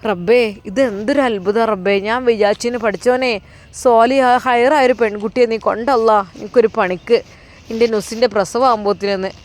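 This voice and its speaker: A woman's voice: fairly high pitch, brisk, close to an everyday voice. A woman voicing a kind older mother-in-law who fusses over the young women, speaking with a Malappuram Malayalam accent in an affectionate, coaxing way. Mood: fond.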